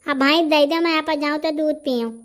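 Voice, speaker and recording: A high-pitched, steady voice, slightly fast and a bit bright, belongs to an actor with a Bundelkhandi accent. He plays a brash, argumentative village man haggling in a comedy cartoon, sounding boastful as he bargains.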